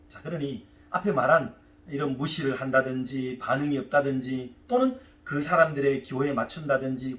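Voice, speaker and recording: A man pastor preaching a sermon in a church, conversational and animated, asking the congregation rhetorical questions. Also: a little high. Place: church sanctuary. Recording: echoey church hall from a distance.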